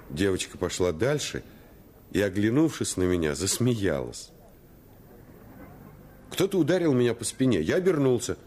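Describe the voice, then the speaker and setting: With a fairly low voice, a man narrates a radio play as a reflective storyteller looking back on his boyhood, speaking in measured, expressive phrases.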